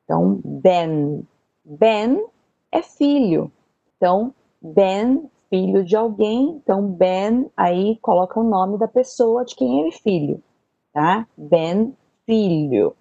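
A woman teaching an online Bible language lesson, taking her time over every word. She talks very slowly and patiently and repeats each term so her learners can follow. The sound is close and dry, with no room echo. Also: mid-range voice, lively intonation, gravelly, warm tone, breathy edge, muffled recording. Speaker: Hebrew teacher.

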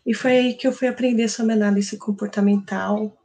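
A woman's voice: mid-range voice, fairly even intonation, normal speed, dark tone. A woman with a Brazilian Portuguese accent, giving an earnest, emotional personal testimony at church. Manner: earnest, emotional storytelling with quoted prayers.

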